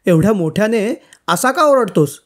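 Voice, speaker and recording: A woman voicing a kind, fatherly old mountain in a storybook tale, with a warm, welcoming manner. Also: mid-range voice, animated, normal speed, close to an everyday voice.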